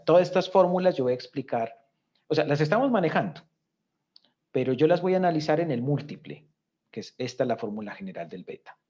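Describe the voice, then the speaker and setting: Husky male teacher, lively explaining tone. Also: a little high, highs cut off. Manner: explanatory, often checks in with "¿cierto?". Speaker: economics teacher. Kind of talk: recorded lecture with spreadsheet walkthrough.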